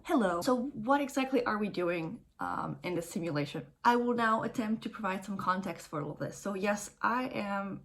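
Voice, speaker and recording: A woman's voice: medium pitch, animated, moderate pace, hardly any pauses. A woman in her twenties chatting casually to a vlog audience, explaining things informally as she goes. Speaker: vlogger, first-year medical student.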